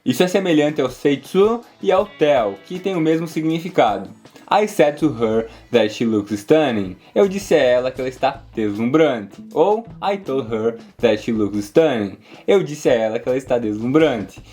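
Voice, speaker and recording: Brazilian English teacher, slightly high voice. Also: male voice, darkish tone. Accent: Brazilian Portuguese. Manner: clear, slows down to model words. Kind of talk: video lesson.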